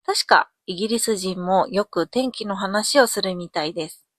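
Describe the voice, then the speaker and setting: A young woman from Japan hosting a podcast lesson, explaining phrases gently and clearly with examples. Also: mid-range voice, moderate pace, no room sound, studio quality. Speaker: Japanese teacher, podcast host.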